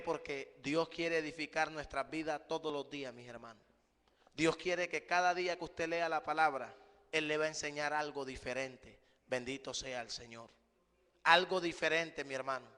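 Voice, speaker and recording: A man preaching a sermon, emphatic, often rising and then dropping to a hush, calling his listeners brother. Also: fairly high pitch, smooth. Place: church hall. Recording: live stream with long hall reverb.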